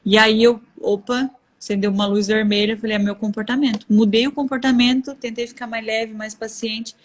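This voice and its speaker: Candid Brazilian mother chatting, high-ish voice. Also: steady tone, fairly quick. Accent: Brazilian Portuguese. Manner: warm, candid, laughs often. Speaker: guest speaker on parenting. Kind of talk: casual live-stream conversation.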